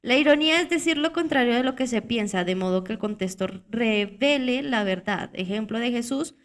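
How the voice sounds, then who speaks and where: Woman co-host interjecting, higher voice. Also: animated, brisk. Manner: interjecting, quotes scripture. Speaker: podcast co-host.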